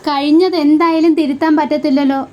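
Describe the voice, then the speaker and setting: A woman reading as a calm, resigned unmarried man. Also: sits high, fast, lightly acted.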